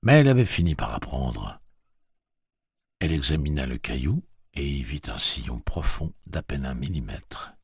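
Extremely deep, husky male narrator. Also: very animated, moderate pace, no echo, clean studio sound. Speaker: audiobook narrator. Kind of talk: scripted narration.

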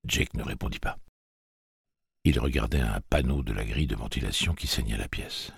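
A man narrating an audiobook with measured, expressive storytelling. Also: a bass voice, gravelly, slightly rough, dry recording, clean studio sound.

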